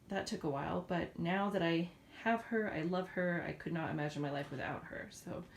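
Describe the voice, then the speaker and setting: A woman in her thirties from the United States, with a fairly low, darkish voice, chats casually in a home vlog from a room in her house. She's a little out of breath, with frequent ums and laughs, and there's a little hiss or hum in the audio.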